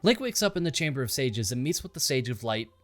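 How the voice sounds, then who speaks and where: A man's voice: mid-range voice, very animated, fast talker, fairly bright tone, faint music behind. A man narrating a scripted game story recap with sarcastic, crude asides. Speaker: game reviewer.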